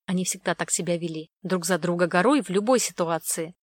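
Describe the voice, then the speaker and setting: A woman reading a first-person story aloud with steady storytelling. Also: lowish voice, brisk, no echo. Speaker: audiobook reader.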